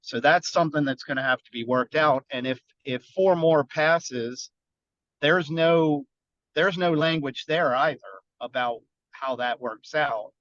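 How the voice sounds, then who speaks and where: A man who sits on a county council, calling into a webinar on a car speakerphone while driving. He talks in short, halting phrases and thinks aloud. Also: fairly high pitch, a bit bright, no room sound. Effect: car speakerphone call while driving. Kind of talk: webinar panel comments. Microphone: phone speaker in a moving car. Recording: muffled phone line, dry.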